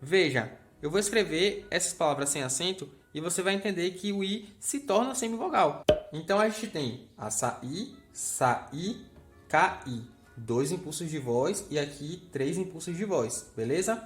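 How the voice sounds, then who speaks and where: A man's voice: sits high, animated, normal speed, soft background music. A man teaching a grammar lesson, explaining step by step and checking in with the viewer.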